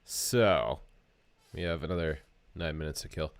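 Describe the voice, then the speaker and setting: Brief: low-pitched male livestream co-host, dry close sound, easygoing banter. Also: a little slow, vocal fry, no echo. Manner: relaxed, cooing over animal pictures. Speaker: podcast co-host. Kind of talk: casual livestream chat.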